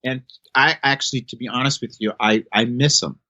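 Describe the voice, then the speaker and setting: Emphatic bright-voiced man in his fifties. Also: medium pitch, a little fast, no echo. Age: 50s. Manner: emphatic, preachy. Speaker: chiropractor guest. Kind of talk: casual podcast chat. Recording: dull lo-fi sound.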